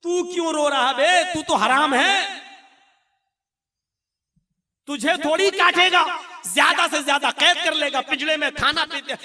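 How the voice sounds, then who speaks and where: A man's voice: very high voice, measured pace, pauses often, pushed and bright, roomy sound, pitched above the performer's own voice, full character voice. A man doing a scornful trapped pigeon.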